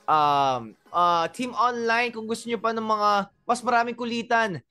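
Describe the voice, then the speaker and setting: A Filipino co-host chatting playfully in a mix of Tagalog and English, now and then bursting into loud laughter. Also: medium pitch, unhurried, smooth, faint music behind. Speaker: online show co-host. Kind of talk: lively chat mixing Tagalog and English.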